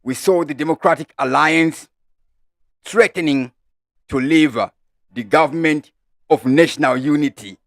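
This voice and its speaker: A man's voice: on the high side, no echo, clean studio sound. Zimbabwean man hosting live commentary. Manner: many filler "uh"s, greets viewers live. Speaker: host of a live online news channel. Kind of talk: live-streamed political commentary.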